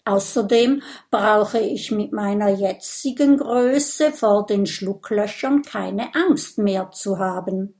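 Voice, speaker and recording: Woman voicing a huge slow grass dragon. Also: medium pitch, darkish tone. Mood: easygoing. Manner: slow, ponderous, clears his throat. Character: giant gentle old male grass dragon.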